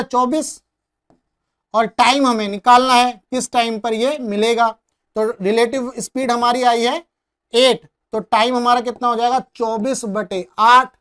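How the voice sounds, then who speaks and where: A male physics teacher working a problem on the board, mixing English terms into his speech and repeatedly asking the class whether it is clear. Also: very high-pitched, a bit bright. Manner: asks the class frequent rhetorical check questions; mixes English terms into Hindi, calls students brother. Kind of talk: whiteboard problem-solving lesson.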